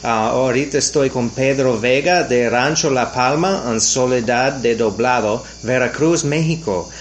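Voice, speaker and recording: Canadian man interviewing in halting, second-language phrasing. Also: medium pitch, a little hiss or hum. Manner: frequent "ujú" backchannels, halting non-native phrasing. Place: outdoors at a ranch.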